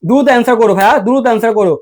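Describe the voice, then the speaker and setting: High-pitched, fast-drilling young male tutor. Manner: drills students with repeated questions and answers; addresses the viewer as brother. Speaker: English tutor. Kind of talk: online exam-prep lesson.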